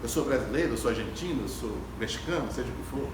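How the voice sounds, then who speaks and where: In an animated, fast, mid-range voice, a man addresses an audience at a Spiritist gathering held in an ecumenical hall. His reflective spiritual lecture relies on emphatic storytelling, repetition, and rhetorical questions. Audio is echoey and noisy, recorded by a far-off phone camera.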